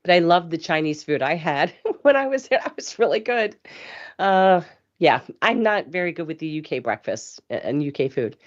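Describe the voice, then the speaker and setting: A woman hosting a casual live show, chatty and rambling, with a hoarse voice from a cough. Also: fairly low pitch, lively intonation, moderate pace, muffled recording. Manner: chatty, rambling, laughs easily. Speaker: host.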